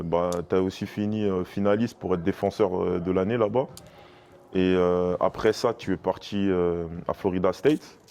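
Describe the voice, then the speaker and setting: A man's voice: deep voice, warm tone, clean tone. A man interviewing a player casually, with long, rambling questions. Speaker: interviewer and scout.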